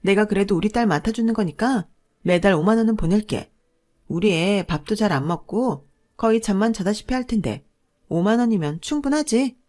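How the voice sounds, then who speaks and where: A woman's voice: medium pitch, expressive, moderate pace, close to an everyday voice. A woman doing a bossy middle-aged sister-in-law, greedy, scolding, hot-tempered, storybook drama. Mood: wheedling. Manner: bossy, scolding, loud in anger.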